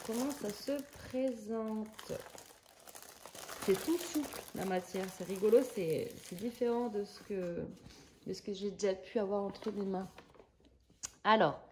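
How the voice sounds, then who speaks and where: A woman's voice: lowish voice, background noise. A woman vlogger chatting casually through a craft kit unboxing, hesitant and searching for words with many fillers.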